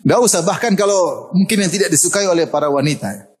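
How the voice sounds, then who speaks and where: A man giving a lively sermon, telling stories in an animated way and laughing often. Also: high-pitched, fairly quick, breathy edge. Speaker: preacher.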